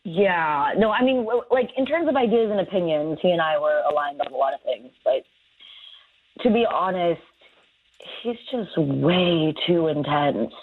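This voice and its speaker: A woman's voice: lowish voice, expressive, unhurried, slightly rough. A woman on speakerphone, called into a radio show, talking in a hesitant, rambling way with many fillers. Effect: heard over speakerphone on a phone line. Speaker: radio show call guest. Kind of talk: casual phone chat. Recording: tinny phone line.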